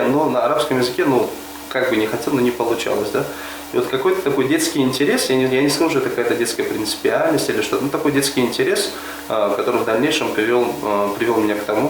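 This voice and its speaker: Fast-talking young man in an echoey room. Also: mid-range voice. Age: 20s. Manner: thoughtful, many hesitations and restarts. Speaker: deputy mufti, interviewee. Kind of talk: interview answers. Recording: echoey room with background noise.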